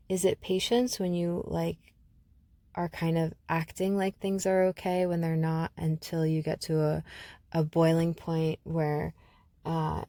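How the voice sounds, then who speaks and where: A woman from Algeria talks through her thoughts on her own podcast, pausing often and circling back to find the right words. Her voice sits low and moves slowly. The recording is dry, with no room sound around her. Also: warm tone, dry recording. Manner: thoughtful, searching, many pauses and restarts. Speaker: podcast host. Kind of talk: reflective solo podcast talk.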